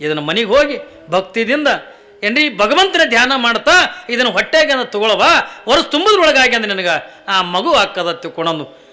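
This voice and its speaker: A man voicing a saintly holy woman who soothes and reassures in a gentle way. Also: fairly high pitch, very animated, normal speed, voice pushed down. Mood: soothing.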